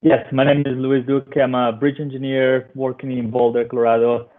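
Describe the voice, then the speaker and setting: A man from Colombia introducing himself as a bridge engineer on a virtual roundtable, speaking in a flat, even way. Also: mid-range voice, brisk. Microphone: computer mic on a video call. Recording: tinny, phone-like call audio.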